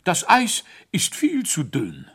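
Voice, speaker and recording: A man's voice: high voice, huge pitch swings, slow pace, fairly bright tone, slightly rough, voice pushed up, exaggerated voice. A man playing a self-important little dwarf researcher in a storybook, announcing stiffly. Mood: pompous.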